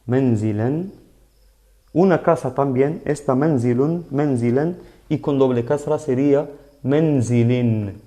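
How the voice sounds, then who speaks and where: A man teaching a live online lesson in Spanish, explaining slowly and patiently and often checking that his students follow. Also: medium pitch, mellow. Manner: slow, patient explaining with frequent "¿vale?" checks. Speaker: Arabic teacher.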